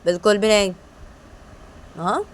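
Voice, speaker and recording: A woman's voice: fairly high pitch, fast talker, darkish tone, slightly rough, voice pushed up. A woman voicing a mischievous young woman who teases and playfully defies her partner. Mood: defiant. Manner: teasing, easygoing, playfully defiant.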